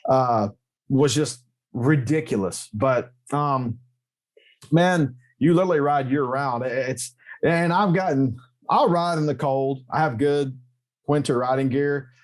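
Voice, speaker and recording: A man, a podcast guest chatting casually, joking and telling stories with emphatic rises in pitch. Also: a little slow. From Texas. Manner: animated, joking storyteller with emphatic pitch jumps. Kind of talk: casual interview chat.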